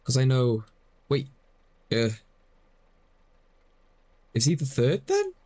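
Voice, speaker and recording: A man's voice: mid-range voice, huge pitch swings, takes it slowly, dark tone. Man rambling over a game. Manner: rambling, self-conscious musing aloud. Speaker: streamer. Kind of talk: casual gameplay commentary.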